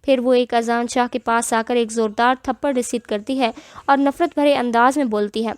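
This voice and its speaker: A woman narrating a romance novel aloud in a steady, dramatic storytelling manner. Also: fairly high pitch, no room sound.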